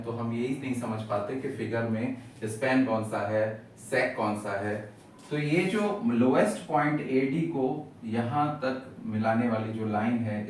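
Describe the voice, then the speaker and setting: A male maths teacher giving a patient, step-by-step lecture at a board, repeating each key term. His mid-pitched voice comes from some distance across a very echoey room, with faint hiss underneath.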